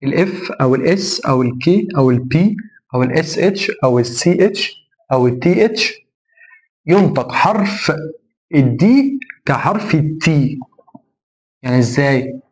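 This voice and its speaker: A man with an Egyptian Arabic accent teaching English pronunciation, slowly repeating words for the listener to copy. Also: medium pitch, lively intonation, rough recording. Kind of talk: phonetics lesson.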